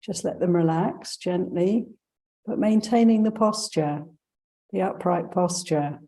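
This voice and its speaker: Speaking in a lowish voice, this female teacher guides a meditation. Her instructions are soft and unhurried, with pauses between them.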